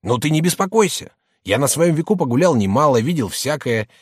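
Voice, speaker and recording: Audiobook: man as a blustering middle-aged shopkeeper, gruff and bullying. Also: on the high side, lively intonation, brisk, no echo, studio quality. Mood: placating. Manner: gruff, by turns placating and bullying.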